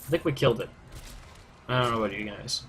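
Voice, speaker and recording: A man's voice: mid-range voice, quick pace, fairly bright tone, slight background noise. A man hosting a gaming video, giving casual let's-play commentary as he plays. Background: game sound.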